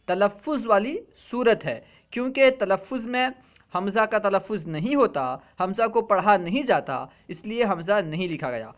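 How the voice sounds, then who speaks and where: A man's voice: high voice, animated. A man teaching a lesson in a patient, explanatory way, often checking in with his students. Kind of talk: classroom lecture. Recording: dull lo-fi recording.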